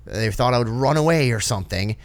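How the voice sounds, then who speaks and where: Profane, animated man telling a story. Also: medium pitch, fairly quick, no room sound. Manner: profane, animated retelling with quoted voices. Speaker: podcast co-host. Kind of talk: casual storytelling chat.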